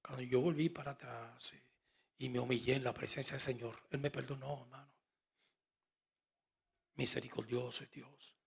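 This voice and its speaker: A male pastor preaching a fervent sermon, swinging from soft asides to emphatic calls. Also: mid-range voice, steady tone, normal speed, vocal fry, pauses often, breathy edge.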